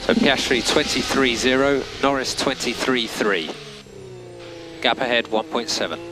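Heard over a team radio transmission, a man of medium pitch speaks a little slowly. As a race engineer, he issues terse, matter-of-fact instructions and timing figures amid the noise and vehicle sounds of motor racing radio.

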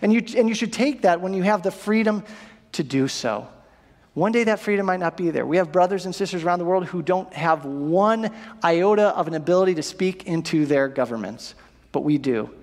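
A man in his thirties preaching a sermon from a church stage, animated and asking the congregation rhetorical questions. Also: sits high, a little fast. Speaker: pastor. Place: church auditorium stage with audience. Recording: long reverb of a church hall.

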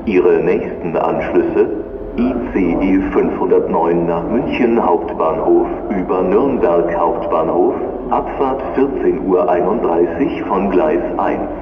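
A man making formal, measured scripted announcements as a German railway station announcer. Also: low-pitched, narrow, tinny audio. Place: train station hall, heard over public address. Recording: distant, reverberant station loudspeaker with noise.

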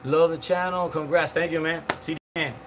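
On a palm-shaded outdoor patio, a Cuban man in his forties runs a relaxed live stream, chattily working through viewer comments, calling out viewers by name, and restarting and filling sentences constantly. He talks fairly quickly in a slightly high, fairly bright voice with fairly even intonation. Slight background noise is audible.

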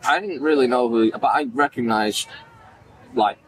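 A forties-aged Manchester man, guesting on a podcast, speaks in a mid-range voice at a moderate pace, animatedly telling stories, acting out voices and gesturing widely. Chatter sits behind him at an indoor event backdrop at a farmers market, and the poor audio carries a slight hiss or hum.

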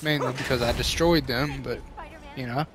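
A man's voice: mid-range voice, steady tone, moderate pace, background noise. A young man casually commenting while he plays a video game, joking along. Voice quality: laid-back, jokey. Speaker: gaming youtuber. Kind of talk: casual let's-play commentary. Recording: commentary over game music.

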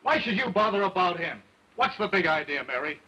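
A man's voice: high-pitched, very animated, fairly quick, bright, forceful tone, slightly rough, exaggerated voice, low-quality recording. An actor playing a jealous young stage performer who confronts a woman, in early sound film acting.

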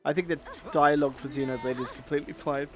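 A man's voice: on the high side, fairly even intonation, quick pace, fairly bright tone. Chatty man streaming a game. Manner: chatty, swears casually, reads dialogue aloud. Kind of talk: casual gameplay commentary.

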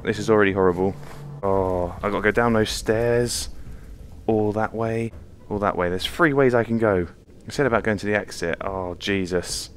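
A man's voice: on the low side, normal speed, a little hiss or hum. A man commenting on a horror game as he plays it, jumpy, swearing often and laughing nervously. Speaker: VR gameplay channel host. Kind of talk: live gameplay commentary. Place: home room, playing on the floor.

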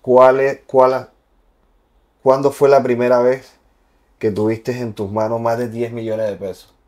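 A man's voice: mid-range voice, flat delivery, measured pace, darkish tone. A man interviewing a singer, asking probing personal questions and pressing with follow-ups. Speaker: interviewer, channel host.

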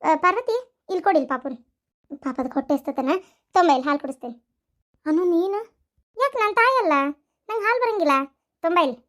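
A woman voicing a kind young mother in a cartoon, with a North Karnataka accent and a gentle, earnest way of talking. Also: very high voice, lively intonation, fairly quick, long pauses. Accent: North Karnataka Kannada. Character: kind young mother Anu, warm-hearted.

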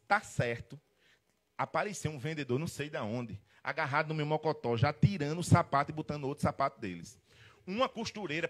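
A man's voice: on the high side, a bit bright. A man giving a humorous storytelling lecture as a marketing consultant, acting out both sides of the dialogues. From Rio Grande do Norte, Brazil. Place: restaurant event hall.

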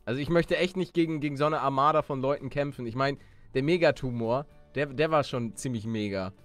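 A man with a mid-range, brisk voice gives casual commentary while playing a Minecraft story series, mixing in some role-play. Music runs under his voice. He often hesitates and repeats words as he coaxes things along.

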